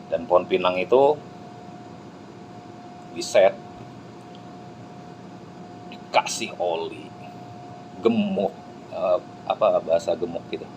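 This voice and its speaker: A man telling a motivational fable in a lively, chatty way with asides to his listeners. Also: low voice, takes it slowly, long pauses, slight background noise, low-quality recording. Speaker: motivational speaker. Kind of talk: motivational storytelling.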